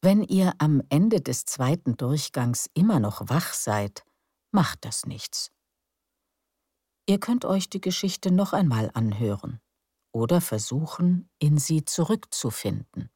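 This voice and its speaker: A woman narrates soothing sleep stories as a podcast host, in a calm, gentle, unhurried way. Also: sits low, slightly rough, dry recording, studio quality. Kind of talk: soothing bedtime story narration.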